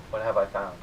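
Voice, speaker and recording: A man chatting casually as a player in a tabletop role-playing game. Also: on the low side. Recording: distant mic with faint noise.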